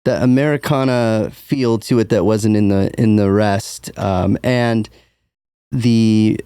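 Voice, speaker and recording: A man's voice: lowish voice, fairly even intonation, slow pace, mellow, clean tone, dry recording, clean studio sound. A man, a musician guest, telling stories in a loose, easygoing, rambling way during a casual interview.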